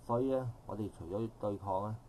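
This audience member, a middle-aged man with a Hong Kong Cantonese accent, speaks at an outdoor park forum in a lengthy, meandering comment full of formal wording and self-corrections. He has a lowish, warm voice and talks a little fast. Slight background noise comes through on a low-quality recording.

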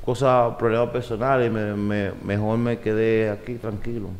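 A man in his forties, born in Puerto Rico and raised in New York and the Dominican Republic, chats casually as a guest in a podcast studio interview. His voice is on the low side and darkish, with a level tone and normal speed. He's recorded on a desk mic mounted on a boom arm.

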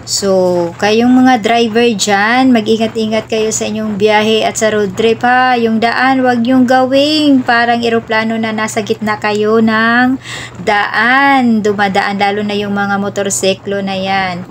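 Casual Visayan woman, chatty vlogger voice, mid-pitched, recorded on a phone from a moving motorbike, faint background noise. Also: steady tone, unhurried. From Visayas, Philippines. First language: Cebuano (Bisaya). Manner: chatty, rambling, gives road-safety advice. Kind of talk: casual travel vlog narration. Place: riding pillion on a motorbike outdoors.

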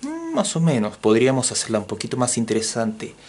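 A Chilean man teaching music theory in a playful video lesson, joking as he goes and counting beats out loud. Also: mid-range voice, brisk. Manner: jokey, animated, counts beats aloud.

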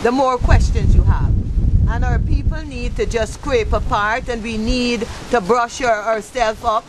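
A Guyanese woman in her fifties speaks passionately at a measured pace in an outdoor interview under a thatched shelter, firing rhetorical questions into a handheld mic held by the interviewer, her pitch swinging widely. The low-quality outdoor recording carries wind and other outdoor noise.

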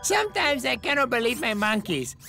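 A woman's voice: on the high side, big pitch swings, a little fast, gravelly, music in the background. A woman voicing a patient, exasperated female ship computer in a cartoon, with a dry, long-suffering manner. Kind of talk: cartoon voice acting.

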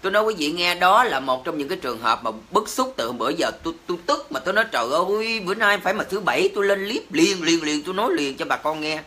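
A man's voice: high voice, animated, fast, hardly any pauses, pushed and bright. A man with a Southern Vietnamese accent, ranting indignantly to his livestream viewers, cursing and exclaiming as he talks. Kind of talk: heated livestream rant.

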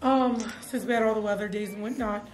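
A young woman, a teacher chatting casually to camera in her classroom, animated and full of fillers. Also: mid-range voice, a little fast, soft background music. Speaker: middle school science teacher. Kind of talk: casual vlog chat. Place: classroom, indoors.

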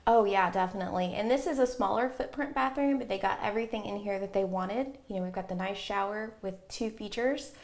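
A woman's voice: mid-range voice, fairly quick, few pauses, a little mellow. A woman in her forties, a plumbing supply rep, explaining products confidently in a TV interview with many ums and uhs, recorded on a lapel mic in a bathroom. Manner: confident, explanatory, with frequent fillers. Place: inside a home bathroom.

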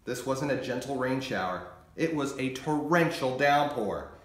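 A man reading his children's book aloud in an expressive, animated storytelling manner. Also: medium pitch, measured pace, reverberant.

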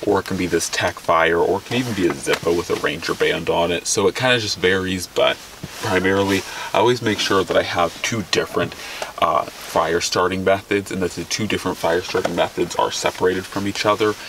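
A man's voice: deep voice, fairly even intonation, fairly quick. A young man casually walking through his outdoor gear from the back of a vehicle, rambling and correcting himself as he goes. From Alaska. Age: young adult. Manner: rambling, self-correcting, enthusiastic about gear. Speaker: outdoors vlogger. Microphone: camera a few feet away. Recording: distant mic with clear background noise.

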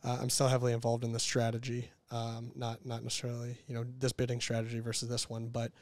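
Fast-talking candid man in his thirties. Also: mid-range voice, no room sound. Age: 30s. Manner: candid, animated, with restarts and acted-out quotes. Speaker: entrepreneur guest. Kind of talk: casual interview talk.

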